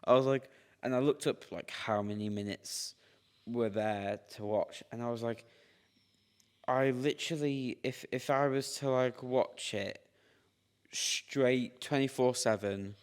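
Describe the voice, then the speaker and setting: A man's voice: mid-range voice, a little slow, smooth. A young man rambling through a casual podcast story, full of fillers and slang. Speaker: podcast co-host. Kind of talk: casual chat.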